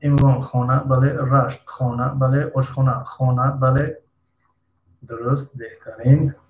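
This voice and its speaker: A man's voice: mid-range voice, little pitch movement, reverberant, dull audio. A man teaching an English lesson, patiently quizzing his students by name and explaining words one by one.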